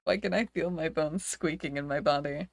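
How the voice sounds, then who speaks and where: A woman's voice: deep voice, normal speed, creaky, no echo. A woman streamer in casual chat, rambling, giggling often and playfully dramatizing her reactions.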